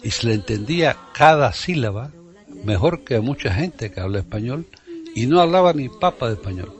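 A man's voice: medium pitch, expressive, moderate pace, faint music behind. A man co-hosting a casual radio chat, conversational and given to emphatic reactions. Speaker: radio co-host.

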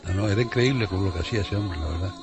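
A man's voice: sits low, rapid-fire, faint music behind. A man hosting a radio show, chatting casually and admiringly with his guest about singers. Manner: conversational, admiring. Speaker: radio host.

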